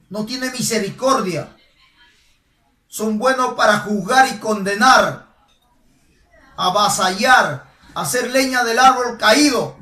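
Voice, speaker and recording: A man preaching a sermon emphatically, asking rhetorical questions and rising to shouts. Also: extremely high pitch. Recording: echoey room, voice from a distance.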